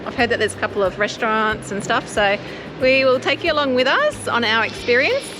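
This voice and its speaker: A woman's voice: fairly high pitch, expressive, fairly quick, over music, poor audio. An Australian woman chatting informally as she narrates a travel vlog. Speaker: travel vlogger. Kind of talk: casual vlog chat.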